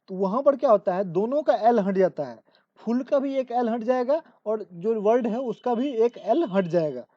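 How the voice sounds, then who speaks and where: Female tutor, a bit high, slow repetitive explainer, lo-fi recording. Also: warm tone, no echo. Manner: repetitive step-by-step explaining, reads English rules out slowly. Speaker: English grammar teacher. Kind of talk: exam-prep lesson. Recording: dull lo-fi dry recording.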